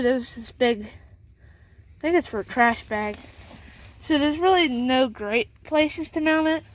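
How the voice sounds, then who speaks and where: A woman with a slightly high voice gives a casual, halting how-to walkthrough in and around a pickup truck, leaning on fillers and repeating herself. She is a video host showing a vehicle setup.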